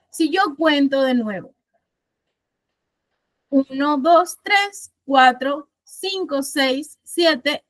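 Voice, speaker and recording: Woman from Paraguay, literature teacher. High voice, slow measured delivery, patient step-by-step explanations with frequent self-corrections. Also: dry recording. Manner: explains step by step, counting syllables aloud. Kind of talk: online class lecture.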